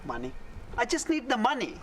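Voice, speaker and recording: An actor playing a middle-aged doctor turned stubborn film producer, insistent and exasperated in conversation. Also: male voice, very high-pitched, huge pitch swings, fairly quick, fairly bright tone, a little hiss or hum, heavily acted, poor audio. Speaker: doctor and aspiring filmmaker.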